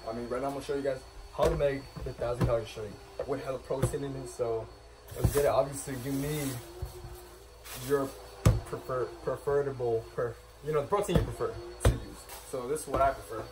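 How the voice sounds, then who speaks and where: A man's voice: medium pitch, fairly even intonation, fairly quick, over music. A young man giving a casual vlog demonstration in a home kitchen, recorded on a camera. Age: young adult. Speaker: vlogger. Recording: noisy kitchen, vacuum running.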